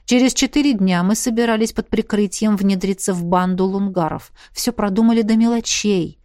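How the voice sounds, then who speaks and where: A woman reading a calm, weary male dragon colonel with a dry, measured manner. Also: mid-range voice, no room sound, close to an everyday voice. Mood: wry.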